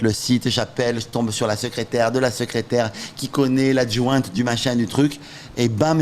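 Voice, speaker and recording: A man's voice: medium pitch, darkish tone, a little hiss or hum. A man telling a story in a loose, casual way, acting out both sides of old phone calls, with lots of fillers and restarts. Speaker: entrepreneur and trainer telling his school story.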